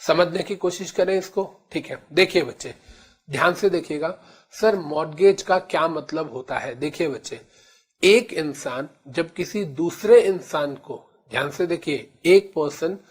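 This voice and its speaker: Indian man teaching, slow repeated key terms. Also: a little high, husky. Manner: addresses students as children, repeats key terms slowly. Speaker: law teacher. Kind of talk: classroom lecture in Hindi-English mix.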